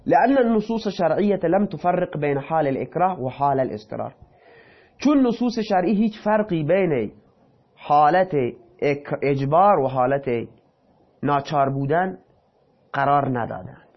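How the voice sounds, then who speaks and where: A man with a somewhat high voice teaches a lesson. He reads a passage aloud, then explains it in loose, casual speech. The recording is dull and lo-fi. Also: expressive. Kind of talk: reading and explaining a text.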